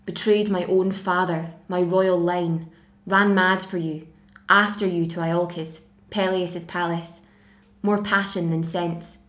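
A woman's voice: lowish voice, fairly even intonation, slow pace, a bit bright, reverberant. A 21-year-old woman with a Glasgow accent acting out a betrayed, scornful sorceress queen in a raised, sarcastic dramatic monologue. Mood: bitter, scornful. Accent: Glasgow Scottish.

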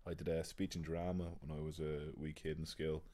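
A man's voice: a bass voice, little pitch movement, a little fast, warm tone. A young man with a Dublin Irish accent, casually introducing himself in a hesitant, rambling way. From Dublin, Ireland. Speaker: actor and drama student. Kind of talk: casual conversational self-introduction.

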